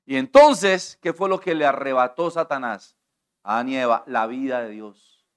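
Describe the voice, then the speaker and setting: A man preaching a sermon as pastor at a church altar, impassioned, moving from hushed asides to shouting and asking the congregation questions over and over. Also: medium pitch, animated, normal speed, smooth. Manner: asks the congregation frequent questions.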